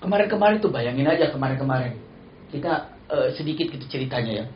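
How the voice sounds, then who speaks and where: A male Islamic preacher, giving a lively sermon full of stories and acted-out dialogue. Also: mid-range voice, fast. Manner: animated, acts out dialogue, laughs often. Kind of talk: sermon with storytelling. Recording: roomy, slightly dull recording.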